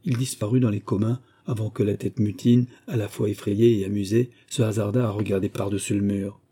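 A man reading a novel aloud in a measured, even narration. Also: fairly low pitch, husky. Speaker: audiobook reader.

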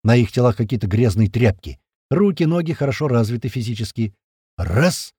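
A man narrating a first-person audiobook in a colloquial, rough-spoken, vivid way. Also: mid-range voice, expressive, quick pace, dark tone, dry recording, clean studio sound.

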